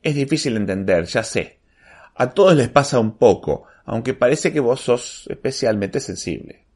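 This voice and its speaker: A man with an Argentine accent voicing a sweet, serene old woman clerk who speaks softly and gently. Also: mid-range voice, animated, normal speed, close to an everyday voice. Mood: gentle. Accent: Argentine Spanish. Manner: soft, gentle, hushed.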